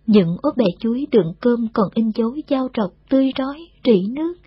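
Brief: woman storyteller, very breathy, dry lo-fi recording. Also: a little high, dry recording. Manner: steady, unhurried storytelling, voices every character. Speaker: narrator. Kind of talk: scripted story narration.

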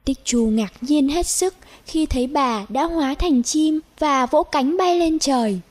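A woman narrating a children's story in a slow, clear storytelling manner. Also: high-pitched, darkish tone.

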